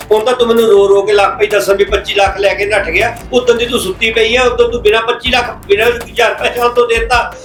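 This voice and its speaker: A man's voice: sits high, a bit bright, reverberant. An actor playing a man who has lost his house, lamenting and accusing. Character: ruined man wailing over lost home. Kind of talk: Punjabi web-drama acting.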